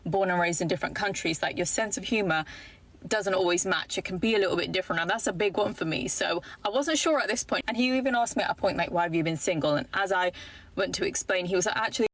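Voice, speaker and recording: A British woman in her thirties tells a dating story to camera in a chatty, talkative way, filling it with frequent "like"s. Her voice is fairly low and quick, and there is no echo.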